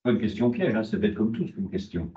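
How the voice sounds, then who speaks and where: A man's voice: on the low side, expressive, fast, warm tone. A man lecturing a university class, asking rhetorical questions and answering them himself. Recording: muffled, echoey classroom.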